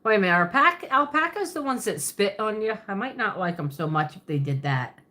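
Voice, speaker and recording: Her medium-pitched voice is expressive, fairly quick, bright, and forceful. The livestream host is a Pennsylvania woman with a Pennsylvania Dutch accent and a Southern twist who answers viewers in a chatty, rambling manner, laughing a lot and correcting herself.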